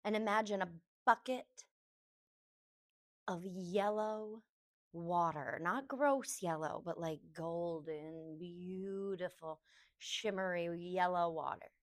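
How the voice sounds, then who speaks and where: In a lowish voice, a woman yoga teacher walks listeners through a guided meditation, offering short, gentle phrases at an unhurried pace with pauses in between.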